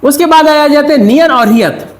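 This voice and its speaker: A man's voice: extremely high pitch, normal speed, reverberant. A man with a Pakistani Urdu accent, giving a step-by-step classroom lesson and answering his own questions. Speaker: Korean language teacher.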